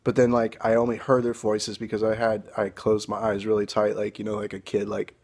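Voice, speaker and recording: A young man telling his own story as an earnest, halting and emotional personal testimony, recorded on a phone camera. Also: fairly low pitch, completely flat delivery, darkish tone.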